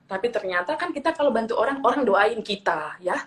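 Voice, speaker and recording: A woman's voice: a little high, animated, brisk, heavy background noise. A young woman from eastern Indonesia, a guest telling personal stories in a casual interview, earnest and repeating her phrases as she goes. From Papua, eastern Indonesia. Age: young adult.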